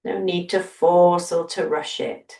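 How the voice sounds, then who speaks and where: Woman, low voice, breathwork teacher, calm and unhurried, a little off-mic. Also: reverberant, far from the mic. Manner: soft, slow, soothing guidance with long pauses. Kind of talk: guided breathing meditation.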